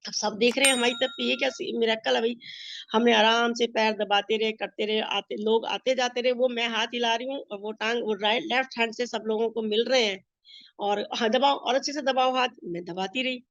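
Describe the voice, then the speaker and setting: Middle-aged Indian woman with a fairly high voice, giving a storytelling testimony, dry and slightly muffled. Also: steady tone, a little fast, a bit bright, no echo. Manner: storytelling, acting out quoted dialogue. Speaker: meditation master sharing her experience. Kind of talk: personal testimony. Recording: dull lo-fi sound.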